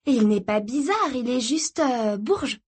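A woman voicing an excited, chatty teenage girl who talks high and eagerly in a read-aloud story. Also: slightly rough. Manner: high, eager, quick to defend.

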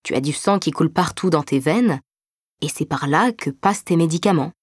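A woman voicing a gentle older brother who explains things patiently and reassuringly in a narrated story. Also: low-pitched, normal speed, husky, dry recording, clean studio sound. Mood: patient explaining.

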